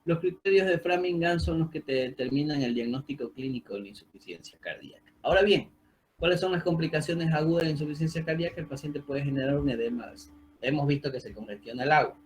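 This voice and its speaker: Man lecturing, lively questioning tone. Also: a little high, quick pace, slight background noise, poor audio. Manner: explanatory, checks in with "¿sí?" and "fíjense". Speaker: medical lecturer. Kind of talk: online medical lecture. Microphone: computer mic on a video call.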